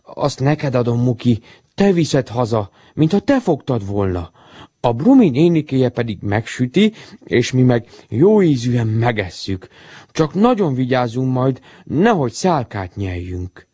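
A man's voice: mid-range voice, sing-song, dark tone, husky, dry recording. A man voicing a sturdy, big-hearted young male animal friend in a storybook, talking in a hearty, reassuring way.

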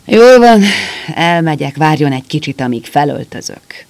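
A man voicing a drunken, surly man who shouts his refusals in a gruff voice. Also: fairly high pitch, sing-song.

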